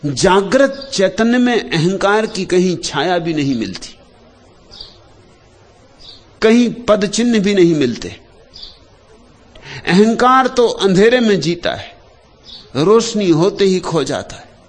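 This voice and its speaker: A man delivers a spiritual discourse at a slow, measured pace. His slightly high voice rises and falls over a wide span between short phrases, often sinking low and soft as a thought ends. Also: very animated. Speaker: spiritual speaker.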